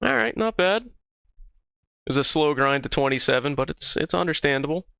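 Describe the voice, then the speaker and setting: A man's voice: fairly high pitch, animated, normal speed, creaky, bright, forceful tone, clear, resonant tone, no room sound. A man livestreaming a game, chatting casually with viewers in a loose, profane way. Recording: slightly dull stream audio with music.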